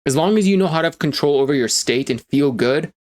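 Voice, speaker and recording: A man speaking as a motivational coach in a casual, energetic monologue, emphatic and full of fillers, swearing now and then for emphasis. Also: a little high, quick pace.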